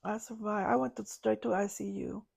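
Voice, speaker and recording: A woman, a podcast guest, recounting a personal story in a halting way, searching for words. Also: medium pitch, steady tone, vocal fry, a little mellow, slightly rough. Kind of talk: personal story told in an interview.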